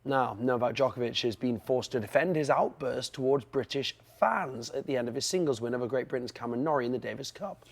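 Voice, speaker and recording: A man's voice: mid-range voice, brisk, vocal fry. A man presenting sports news on a breakfast show, jokey and rambling in the banter between items. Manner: jokey, rambling, trails off mid-sentence.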